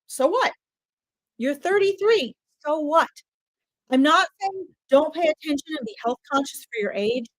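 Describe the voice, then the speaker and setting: A woman's voice: high voice, lively intonation, measured pace, no room sound, poor audio. A woman in her fifties, a medium giving chatty live readings straight to her viewers. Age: 50s.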